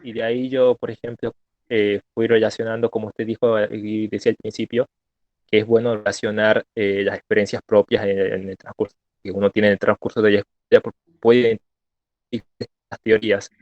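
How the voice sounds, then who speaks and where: A male student speaking up in an online class over a choppy connection that cuts out, hesitant and halting with many fillers and restarts. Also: fairly low pitch, level tone, no echo. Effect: choppy online call connection, cutting out. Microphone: video call. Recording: tinny, dry call audio.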